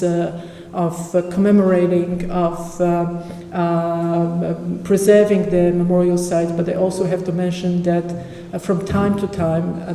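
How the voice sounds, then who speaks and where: Slow, halting conference speaker in an echoey hall. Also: medium pitch, mellow, slight background noise. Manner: halting, with frequent pauses and fillers. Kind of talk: academic presentation with slides. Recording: echoey hall with long reverb.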